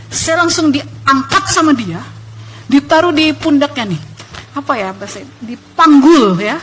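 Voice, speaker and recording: High-voiced woman giving an emphatic testimony. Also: a little hiss or hum. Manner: emphatic, animated storytelling. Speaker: testimony speaker at church. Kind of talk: church testimony.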